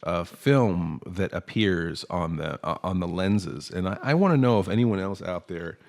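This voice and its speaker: A man's voice: sits low, measured pace, vocal fry. A man hosting a comedy podcast, chatting casually and rambling, often stammering and restarting his sentences. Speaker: podcast host.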